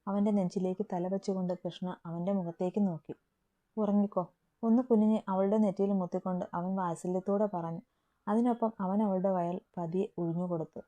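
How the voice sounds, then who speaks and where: A woman reads a romantic story aloud in a calm, even way. Her voice is notably dark and mellow, with a relaxed tone throughout. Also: fairly low pitch, fast, dull audio. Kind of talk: scripted story narration.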